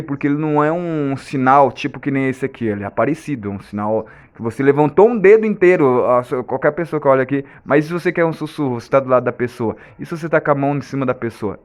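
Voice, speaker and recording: A man giving a casual lesson, asking rhetorical questions and restarting his words often. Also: medium pitch. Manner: talks in bursts with many restarts and repeated words. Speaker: teacher of memory techniques.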